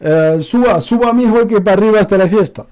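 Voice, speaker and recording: Loud Ecuadorian host figure, high and shouty, hearty calls of mijo, as a man puts him on. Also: brisk, close to an everyday voice. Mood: boisterous welcome. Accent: Ecuadorian Spanish, as imitated. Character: loud, cheery Ecuadorian man welcoming guests.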